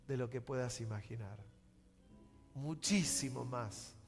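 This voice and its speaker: A pastor with a Rioplatense Spanish accent preaching a sermon, swinging from loud outbursts to hushed, slow pleading. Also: male voice, medium pitch. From Argentina. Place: church sanctuary. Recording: church hall reverb with music.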